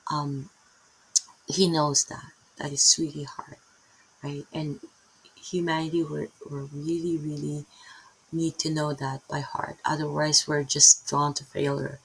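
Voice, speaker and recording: A middle-aged woman with a Filipino accent and a low, husky voice gives a casual, unscripted Bible lesson on a rough recording. As a Bible teacher, she rambles and interrupts herself, breaks off mid-thought, and tags many lines with "right?" to check in.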